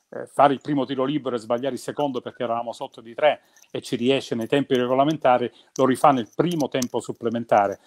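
A man, a former basketball announcer, telling lively, emphatic stories in a relaxed chat. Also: mid-range voice. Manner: animated storyteller, emphatic. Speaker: former team announcer and commentator. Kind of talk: reminiscing in casual chat.

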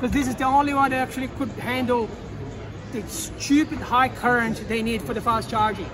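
A man in his thirties, hosting his channel in an indoor expo hall, talking excitedly in loose, rapid phrases. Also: very high voice. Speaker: channel host. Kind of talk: casual expo walkthrough. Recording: crowd noise behind.

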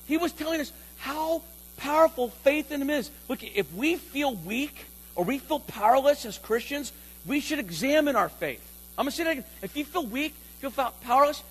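A man's voice: extremely high pitch, fairly bright tone, poor audio. A man preaching a sermon as pastor, emphatic, repeating key lines and calling for responses from the congregation.

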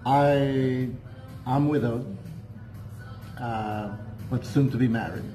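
A man's voice: mid-range voice, takes it slowly, mellow, poor audio. A man in his sixties, from Portugal and with a Portuguese accent, chatting as an interview guest in a hotel cafe, rambling with frequent hesitations and restarts. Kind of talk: casual interview chat. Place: hotel cafe with large windows, indoors. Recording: music playing under the speech. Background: music in the background.

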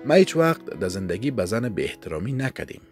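A man with an Afghan Dari accent voicing an earnest, protective young man who speaks quietly. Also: on the low side, sing-song, faint music behind. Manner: quiet and apologetic.

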